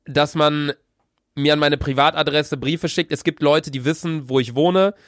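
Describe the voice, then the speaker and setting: A man's voice: a little high, fairly even intonation, moderate pace, fairly bright tone, dry recording, clean studio sound. A young man co-hosting a podcast in casual chat, slangy, laughing often and acting out people he met. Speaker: podcast co-host.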